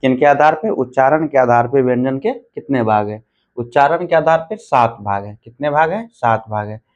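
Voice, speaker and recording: A man's voice: mid-range voice, moderate pace, lo-fi sound. A man teaching an exam-prep grammar lesson, asking questions and answering them himself, counting items out and repeating points.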